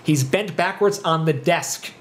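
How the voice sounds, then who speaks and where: A man's voice: on the high side, unhurried, a bit bright. A man running a tabletop game as game master, narrating scenes with a playful, joking manner.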